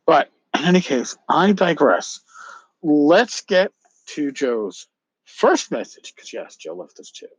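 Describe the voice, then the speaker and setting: A man's voice: on the high side, sing-song, takes it slowly, breathy edge, dry recording, poor audio. A man hosting a casual solo podcast, musing and rambling as he repeats phrases for emphasis. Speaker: podcast host.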